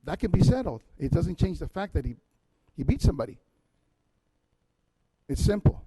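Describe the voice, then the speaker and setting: A man's voice: fairly high pitch, big pitch swings, moderate pace, mellow, breathy edge, dry recording, low-quality recording. A man speaking bluntly and emphatically at a city council meeting, repeating his point.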